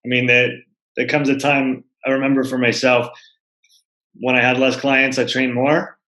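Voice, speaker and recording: A man who is a personal trainer himself hosts an interview, asking long questions in a searching way and repeating words as he forms them. His medium-pitched voice is level in tone, pushed and bright, at a normal speed. The conversational interview has a roomy echo.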